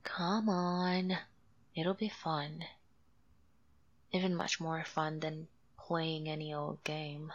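A woman voicing a doting, coaxing mother figure in an audio roleplay. She speaks softly and drifts into whispers. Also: deep voice, little pitch movement. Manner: slow, soothing, coaxing with soft laughs. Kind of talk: soft-spoken audio roleplay, half whispered. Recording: dull lo-fi recording.

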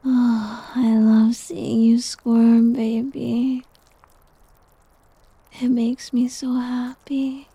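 A woman voicing a doting, possessive slime creature in an ASMR roleplay, whispering softly and teasingly. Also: on the high side, flat delivery, very slow, no echo, heavily acted. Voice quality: breathy. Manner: soft whispering, teasing and coaxing. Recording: dull lo-fi audio.

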